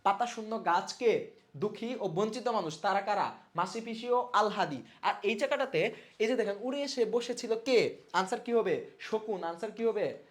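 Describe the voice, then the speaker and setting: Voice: mid-range voice, normal speed. A teacher giving a live online revision class, quizzing viewers, reading their names from comments and drilling answers by repeating words, with English words mixed in. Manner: mixes English words into speech; clears throat now and then. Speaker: online exam-prep teacher.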